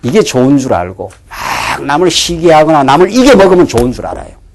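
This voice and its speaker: A man preaching a sermon in a church, asking his listeners questions and answering them himself, sometimes dropping to a hushed near-whisper. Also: fairly high pitch, sing-song, a little fast, vocal fry. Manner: drops to a hushed near-whisper for inner thoughts. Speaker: pastor.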